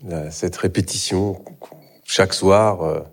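A man's voice: low-pitched, steady tone, slow pace. A middle-aged man, an actor, talking in a live interview on a theatre stage, hesitant, with many fillers and restarts. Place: theatre stage before an audience.

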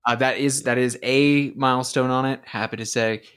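An excitable young man co-hosts a podcast in loose, casual chat. He rambles and restarts his sentences, swears freely, and gets loud when enthusiastic. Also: medium pitch, moderate pace, clean tone. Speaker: podcast co-host.

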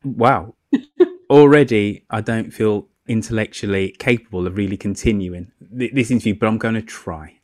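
A chatty, self-deprecating man hosts a podcast interview over a remote call, posing rambling questions. His voice is medium-pitched with a darkish tone. The recording is studio quality, with no room sound.

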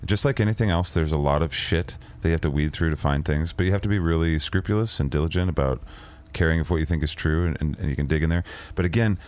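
A man's voice: extremely low pitch, fast talker, hardly any pauses, darkish tone. A man talking casually as the co-host of a podcast. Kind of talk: casual chat.

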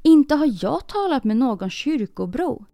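A woman's voice: sits high, sing-song, gravelly, no echo, studio quality, soft background music, pitched above the performer's own voice, full character voice. A woman voicing a proud, harsh false bride in a storybook reading, speaking sharply. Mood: defensive. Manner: sharp, scolding.

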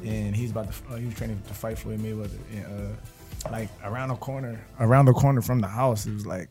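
A man talking as a podcast guest, laid-back and slangy, often soft-spoken. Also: on the low side, steady tone, a little fast, faint music behind. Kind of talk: casual interview chat.

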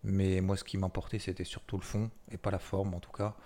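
A man's voice: sits low, little pitch movement, a little fast, dark tone. A man giving casual, chatty market commentary as host of a weekly recap, with many fillers and restarts. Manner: chatty, loose, with many fillers and repeated words.

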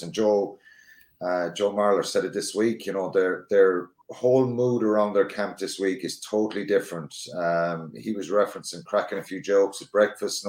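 A man working as a rugby pundit, speaking in casual analysis, hesitant and often restarting his sentences. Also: on the low side. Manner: hesitant, many fillers and restarts. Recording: roomy echo.

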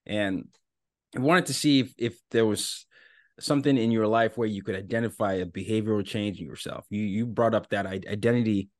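A man's voice: lowish voice, fairly quick, no room sound, studio quality. A man hosting a podcast who introduces his guest and asks eager questions, often restarting his sentences. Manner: laughs easily, eager, stumbling restarts. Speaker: podcast host. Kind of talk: podcast interview.

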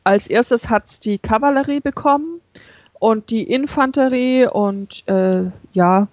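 A woman presenting as a podcast host in an informative, measured way with hesitant pauses, on a slightly dull recording. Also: fairly high pitch, a little mellow, no echo.

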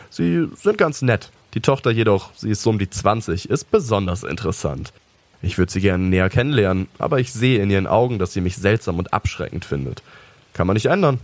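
Low-voiced man reading a creepypasta. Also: no echo. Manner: calm, sinister first-person narration with mocking asides. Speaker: narrator. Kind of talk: creepypasta reading in first person.

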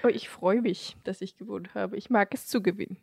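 A woman's voice: medium pitch, steady tone, fairly quick, vocal fry, breathy edge, no room sound, studio quality. A woman co-hosting a casual podcast, easygoing and modest, giggling often. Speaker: podcast co-host.

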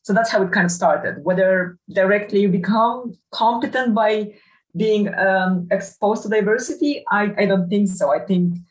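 A woman's voice: medium pitch, moderate pace, echoey room, far from the mic, low-quality recording. A middle-aged woman from Poland, a professor, answering interview questions over a video call in a thoughtful way with many fillers and restarts. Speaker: guest, professor.

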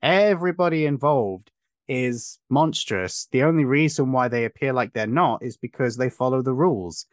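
A man's voice: medium pitch, animated, normal speed, dry recording. Opinionated male podcast host, dry sound. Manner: long, emphatic, opinionated explanations. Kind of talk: casual podcast chat.

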